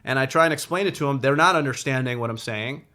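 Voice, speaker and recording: A man's voice: mid-range voice, quick pace, sharp tone. A young man, a comedian, telling a long, rambling and profane story in casual conversation. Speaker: comedian guest.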